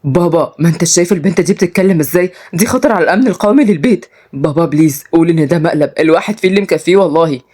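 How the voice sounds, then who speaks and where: A woman's voice: fairly low pitch, very fast, mellow, breathy edge. A woman voicing a pampered young man who pleads and jokes, with an Egyptian Arabic accent. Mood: pleading.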